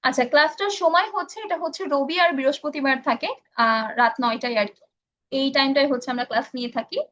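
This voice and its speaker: A woman's voice: high-pitched, brisk, a bit bright. A woman instructor answering viewers' questions in a live online English class. She explains patiently, with many fillers, and mixes in English phrases. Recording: dull lo-fi stream audio.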